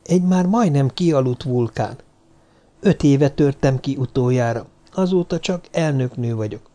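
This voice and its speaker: A man's voice: mid-range voice, warm tone, natural voice. A man voicing a seductive middle-aged woman who whispers and teases. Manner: whispering, teasing.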